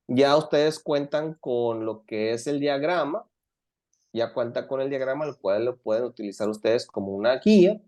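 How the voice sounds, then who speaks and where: A Spanish-speaking English teacher who explains grammar step by step, often correcting small slips and reading example sentences slowly. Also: medium pitch, dark tone. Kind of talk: online class explanation.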